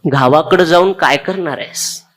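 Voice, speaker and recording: A kindly village bus conductor, put on by a male preacher, asks gentle, coaxing questions, his voice rising a little above the storyteller's own. He sounds bright and forceful, told within a devotional sermon. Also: fairly high pitch, normal speed, faint music behind, close to an everyday voice.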